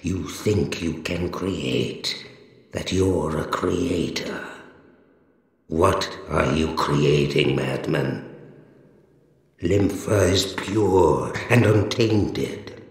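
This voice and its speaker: An exaggerated, extremely deep, gravelly male voice plays a huge, deformed, zealous monster who keeps heaven, stern and menacing. In video game voice lines and a solemn, dramatic monologue, he preaches wrathfully and condemningly in pompous, accusing, measured archaic phrases, with a cavernous echo and long reverb tail.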